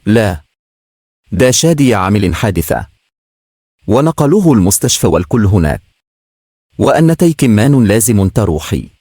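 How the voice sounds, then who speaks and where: A man's voice: fairly low pitch, very animated, normal speed, long pauses, dark tone, dry recording, studio quality. A man reading a story aloud, voicing an anxious young woman with an Egyptian accent who delivers urgent news in a breathless way. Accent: Egyptian Arabic.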